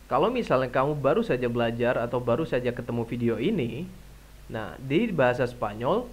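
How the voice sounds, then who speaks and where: A man with an Indonesian accent teaching a language lesson, saying words slowly and repeating them for learners to echo. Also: medium pitch, very animated. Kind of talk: slow, drilled language lesson.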